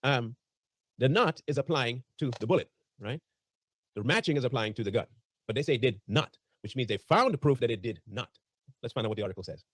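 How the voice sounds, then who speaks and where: A man's voice: medium pitch, expressive, fairly quick, a bit bright, no echo, clean studio sound. A man giving casual commentary in a playful, mocking, emphatic way. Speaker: online commentary host.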